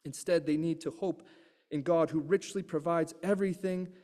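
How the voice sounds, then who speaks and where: A man preaches a sermon with an earnest, emphatic delivery, drawing out the words he wants to stress. His voice sits fairly high for a man. The sound trails off in a long reverb, as in a large hall. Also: steady tone, normal speed, dark tone.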